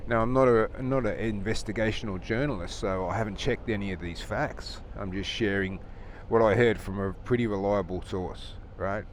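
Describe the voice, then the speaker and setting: A man's voice: lowish voice, moderate pace, hardly any pauses. A man talking from inside a motorcycle helmet in a casual, rambling, opinionated rant, as a motovlogger. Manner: opinionated, chuckling, conversational. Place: inside a helmet while riding a motorcycle outdoors. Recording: inside motorcycle helmet, engine and traffic noise.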